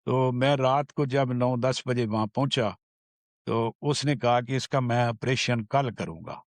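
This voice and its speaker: A man from Pakistan, earnestly telling the story of his survival in an unhurried way. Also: mid-range voice, no room sound. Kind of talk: personal storytelling.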